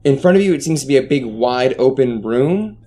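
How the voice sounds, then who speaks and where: A man hosts a tabletop role-playing podcast as game master. His mid-pitched voice moves between casual banter and scene narration, with faint music underneath. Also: expressive, brisk, dark tone.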